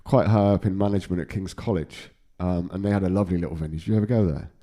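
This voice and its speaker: A man's voice: low voice, fairly even intonation, rapid-fire, warm tone. A man in his forties, a guitar tech telling road stories in casual chat, swearing freely and laughing often. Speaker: podcast guest, guitar tech.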